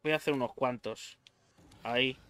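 A man's voice: mid-range voice, moderate pace, fairly bright tone, slight background noise. A young man with a Spain Spanish accent doing let's play commentary on a horror game, swearing freely and yelping in fright. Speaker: gaming YouTuber.

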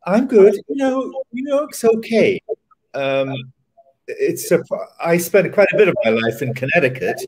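A man's voice: high-pitched, very animated, unhurried. Older man, wry and reflective. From Scotland. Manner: wry, reflective, chuckles at himself. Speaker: theatre director guest. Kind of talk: relaxed conversational interview. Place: home room indoors. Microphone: webcam on video call.

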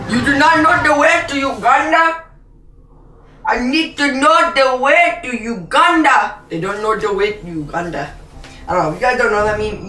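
A woman's voice: medium pitch, a bit bright, echoey room, distant mic. A woman hosting a gaming channel, giving playful, rambling commentary on a VR game and playing announcer for herself.

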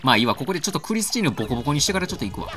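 Joking Kansai-accented man with a lively voice. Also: a little high, racing, music in the background. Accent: Kansai Japanese. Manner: crude, joking, excitable. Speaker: game commentator. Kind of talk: let's-play commentary.

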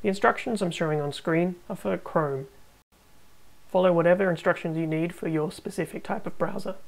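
A woman hosting a tech tutorial, narrating a screen recording with calm, step-by-step instructions. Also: lowish voice, a little fast, creaky, low-quality recording.

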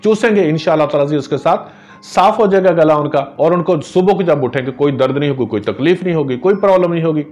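Seated at his desk before a fixed camera, a middle-aged herbalist earnestly explains a home remedy, gesturing and weaving religious phrases into his advice. He talks quickly in a slightly raised pitch with a darkish tone. The small office with framed photos shapes the sound, and faint music plays behind him.

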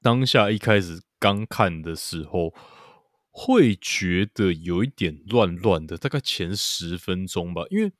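Deep-voiced man chatting loosely. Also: no room sound, clean studio sound. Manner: loose, rambling, many fillers and repeated agreement. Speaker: podcast co-host. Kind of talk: casual chat about a TV series.

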